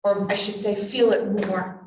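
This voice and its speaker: A woman acting as a seance medium in trance, voicing a cryptic, whimsical spirit guide in halting, measured phrases. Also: mid-range voice, little pitch movement, a little mellow, slight background noise, lightly acted. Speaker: channeling medium. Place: indoors, draped room. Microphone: distant camera microphone. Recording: roomy echo, distant microphone.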